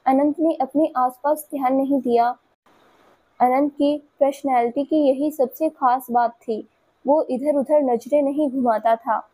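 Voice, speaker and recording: A woman storyteller giving scripted audio-story narration in a steady, even manner. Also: high voice, unhurried.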